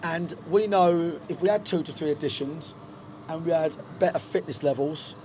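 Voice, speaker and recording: A middle-aged football manager gives a candid post-match interview from a stadium dugout into a handheld reporter mic, against a noisy background. He speaks at a normal speed in a steady tone with a fairly high pitch, stumbling into lots of fillers and restarts.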